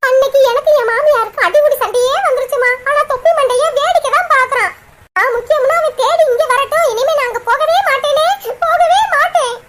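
A woman's voice: very high-pitched, brisk, a bit bright. A woman voicing a young married wife in a cartoon, complaining in Kanyakumari Tamil about her husband and mother-in-law. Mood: aggrieved. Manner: chatty, aggrieved storytelling. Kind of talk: cartoon voice acting.

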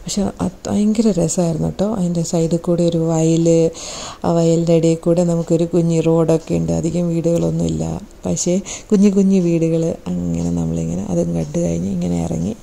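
A Malayali-accented woman narrates her road trip in a chatty, rambling voice-over, often restarting her words. Her voice is heavily gravelly and sits low, with a dark, mellow tone that stays fairly flat. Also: fairly quick. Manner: chatty, rambling, with many self-corrections. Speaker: travel vlogger. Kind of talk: casual travel narration.

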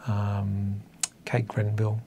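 In a casual, reflective interview held in a small indoor meeting room, an author in his fifties from northern coastal New South Wales, Australia, speaks in a lowish, monotone voice at a slow pace. He is hesitant, thoughtful and self-deprecating, and background noise can be heard.

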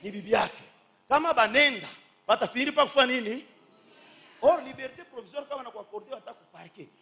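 A man preaching a fervent sermon, shouting and stretching phrases as he calls on the congregation to repeat after him. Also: very high voice, brisk, creaky. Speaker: pastor. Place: church during a live service.

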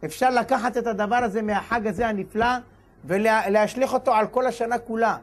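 High-voiced man preaching with animated stories. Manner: animated storyteller acting out dialogue and shouts. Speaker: rabbi. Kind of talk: sermon with told stories.

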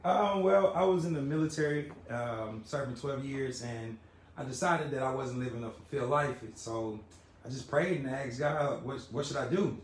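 A man's voice: medium pitch, normal speed, a little hiss or hum. Man, middle-aged, barbershop owner, earnest and polite, roomy room, faint ambience. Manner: earnest, polite, many fillers. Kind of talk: casual interview on a live video. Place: large barbershop indoors. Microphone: phone camera held by interviewer.

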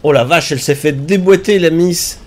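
A man streaming a game, reacting out loud with yelps and groans and talking to the enemies on screen. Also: a little high, normal speed, a little hiss or hum. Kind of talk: live gameplay commentary.

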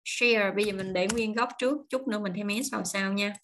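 A woman at a middle pitch runs an online pronunciation lesson. She stretches each model word out slowly, then rattles off friendly, quick explanations between them. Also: fairly even intonation, fairly bright tone, slight background noise. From Vietnam. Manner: slow, drawn-out model words, then quick chatty explanations. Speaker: English pronunciation teacher.

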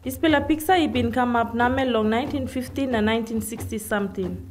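A woman's voice: fairly high pitch, a little fast, darkish tone, faint music behind. A woman reading scripted documentary narration. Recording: clear background noise with insects.

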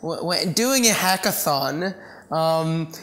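Guy in his 30s, a bit higher voice, keeps repeating words, casual office chat. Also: lively intonation, slow, fairly bright tone. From Iceland, raised in Sweden. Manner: repeats words, restarts often. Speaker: QA engineer guest. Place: office meeting room indoors.

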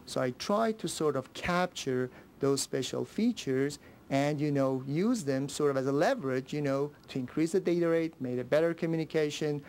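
A man in his thirties or forties, a researcher, explaining his work haltingly in an interview. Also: on the high side, darkish tone, slight background noise. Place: small book-lined office. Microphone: handheld interview microphone.

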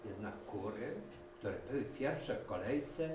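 A man reading a children's story aloud, slowly and with lively voicing for the animals. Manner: slow, lively reading, raising his pitch for the animals' lines. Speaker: storybook reader. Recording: echoey room, from a distance, with background noise.

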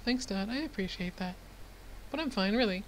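A woman voicing a sarcastic teenage daughter in a dating game, speaking in a dry, deadpan, low-key way. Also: moderate pace, slight background noise, close to an everyday voice.

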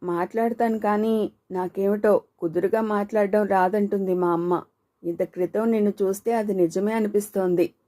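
A woman's voice: mid-range voice, steady tone, moderate pace, dark tone, lightly acted. A woman voicing Jyothi, a talkative, teasing young woman with a car, in playful banter.

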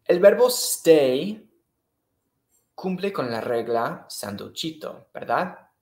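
A man's voice: on the high side, sing-song, takes it slowly, a little mellow, reverberant. A man teaching English in a live online class, patiently repeating and checking in with the students. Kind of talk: live-streamed online lesson.

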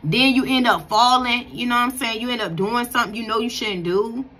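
At home in a bright room, a woman in her thirties films her faith vlog on a nearby phone camera, giving viewers casual devotional encouragement. She speaks earnestly in a preachy, chatty manner, frequently starting over, her fairly high voice a little fast and a bit bright.

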